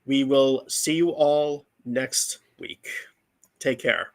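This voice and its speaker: A male podcast host wrapping up an episode. He talks casually and haltingly, repeating words and leaning on fillers, in a mid-range voice. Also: mid-range voice, fairly even intonation. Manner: halting, many restarts and fillers. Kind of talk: casual show sign-off.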